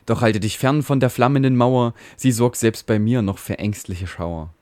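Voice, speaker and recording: A man's voice: medium pitch, moderate pace, a little mellow, no room sound, close to an everyday voice. A man voicing a proud, fatherly router. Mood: soothing. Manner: rhyming ballad recitation, soothing and self-important. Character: boastful network router, male, fatherly. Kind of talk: comic poem recitation.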